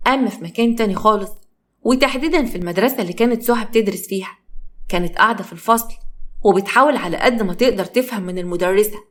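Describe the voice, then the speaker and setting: A woman narrating a dramatic story in an Egyptian accent. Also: mid-range voice. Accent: Egyptian Arabic.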